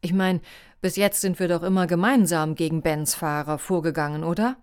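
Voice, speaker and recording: A woman's voice: lowish voice, steady tone, moderate pace, a little mellow, clean tone, lightly acted. A woman voicing a cheeky, cheerful young man who teases his injured friend in an audiobook. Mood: teasing. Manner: teasing, jovial.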